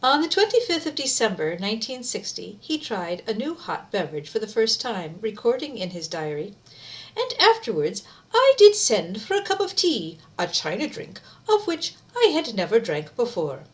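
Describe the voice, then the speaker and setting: A middle-aged woman with a slightly high voice and wildly swooping pitch talks at a moderate pace. In an amateur video she chats casually and reads aloud from a favorite book she's sharing.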